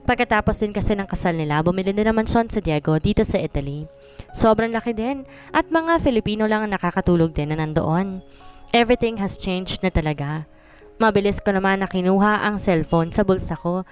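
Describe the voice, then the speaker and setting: A woman reading a first-person story aloud with an exasperated, complaining tone. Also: mid-range voice.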